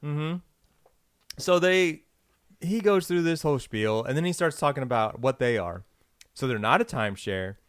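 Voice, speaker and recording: A man's voice: medium pitch, lively intonation, normal speed, clear, resonant tone, no echo, clean studio sound. A man casually telling a long story in a chat, rambling with lots of fillers.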